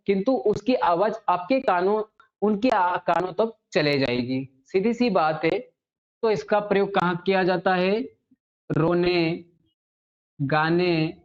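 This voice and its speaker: A teacher runs a classroom grammar lesson at a middle pitch, putting a question to the class and then answering it straight away. Each definition is repeated slowly, word by word, so students can copy it down. The recording is dull and lo-fi. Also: darkish tone. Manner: asks the class questions and answers them himself.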